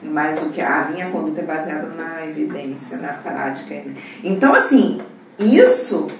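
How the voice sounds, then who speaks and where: Young Brazilian woman, resident, lively podcast chat, lowish voice, distant and roomy. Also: moderate pace, creaky, noisy background. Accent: Brazilian Portuguese. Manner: animated, acts out quoted voices. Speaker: surgical resident. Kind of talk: casual podcast conversation. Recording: echoey room from far off.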